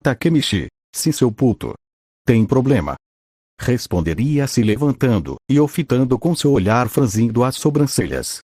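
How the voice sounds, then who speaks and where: A man narrating a fan story, reading the narration and the characters' lines in an even, flat delivery. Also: medium pitch, normal speed, breathy edge, no echo, clean studio sound.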